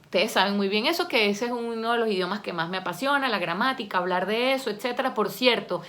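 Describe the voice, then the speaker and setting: A woman talking casually to her viewers, chatty and expressive and often laughing as she tells stories. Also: mid-range voice, fast. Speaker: vlogger and language learner. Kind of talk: casual talk to camera.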